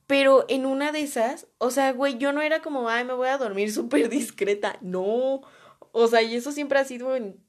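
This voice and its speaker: A woman's voice: high voice, normal speed. Chatty young Mexican woman telling a story. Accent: Mexican Spanish. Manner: chatty, lots of slang and fillers, laughs mid-story. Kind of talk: casual storytime.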